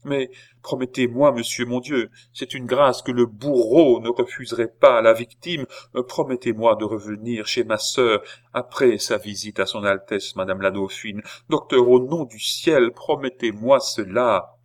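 A man's voice: medium pitch, measured pace, lightly acted. A man reading an audiobook, voicing a desperate young nobleman who pleads in impassioned bursts. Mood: pleading. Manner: impassioned, sobbing pleas.

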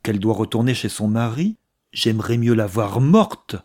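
A man's voice: lowish voice, moderate pace, mellow, lightly acted. A man reading a novel aloud, voicing an earnest young man who speaks in tense, indignant outbursts. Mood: agitated.

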